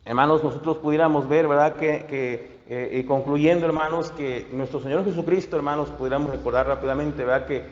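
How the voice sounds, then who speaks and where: A man's voice: on the high side, steady tone. Male pastor, stop-start preaching full of fillers, roomy reverb, dull sound. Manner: halting, many fillers and restarts. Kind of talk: sermon. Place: church. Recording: echoey hall, dull lo-fi sound.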